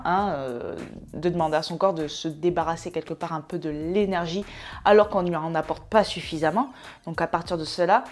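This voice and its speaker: A woman's voice: fairly low pitch, a little mellow. A woman hosting a fitness advice video, chatting casually to the viewer with playful, self-mocking asides.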